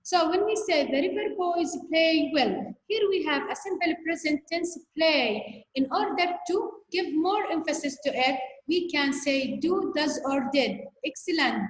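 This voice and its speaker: A woman teaching an English grammar lesson, explaining patiently and often asking "okay?" to check understanding. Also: high-pitched. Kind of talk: recorded online grammar lesson. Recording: echoey room, long reverb, faint noise.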